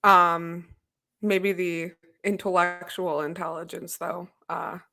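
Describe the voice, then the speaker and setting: A woman's voice: fairly low pitch, little pitch movement, slow pace, bright, forceful tone. A young woman co-hosting a casual podcast over a video call, chatty and sarcastic. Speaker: co-host. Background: faint music.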